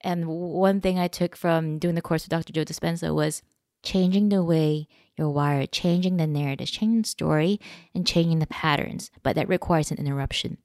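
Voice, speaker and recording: A woman's voice: deep voice, fairly even intonation, normal speed, darkish tone, dry recording, clean studio sound. A woman podcast host, telling a candid personal story in casual conversation.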